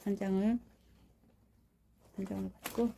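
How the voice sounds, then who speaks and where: A woman's voice: medium pitch, level tone, unhurried, vocal fry, warm tone, slight background noise. A woman, a florist, giving a casual hands-on tutorial and chatting viewers through each step while she works. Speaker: florist demonstrating flower wrapping. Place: rural home.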